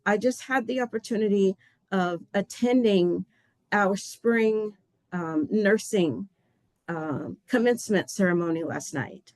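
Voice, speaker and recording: With sincere, passionate feeling, a woman from an agency opens a webinar with words of welcome, repeatedly losing track and beginning again. She has a mid-range voice, captured without any echo.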